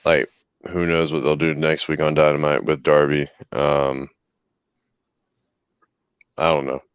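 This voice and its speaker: A man's voice: rumbling low, little pitch movement, unhurried, smooth, dry recording, dull audio. A man co-hosting a casual wrestling recap podcast, laid-back and hedging his points. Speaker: podcast co-host.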